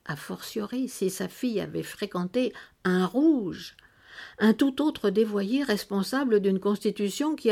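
A woman reading a literary novel aloud in an expressive storytelling manner, with sharp rises on key words. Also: medium pitch, creaky. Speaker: narrator.

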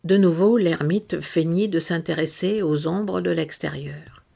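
Female narrator, lowish gravelly voice, expressive literary reading. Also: measured pace. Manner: expressive storytelling with sharp rises.

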